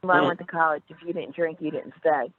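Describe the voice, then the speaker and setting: A woman's voice: deep voice, quick pace, no echo. A middle-aged woman telling stories in casual chat, acting out the voices of people she quotes. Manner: animated, acts out quoted voices. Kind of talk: casual storytelling. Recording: tinny phone-like line, dry.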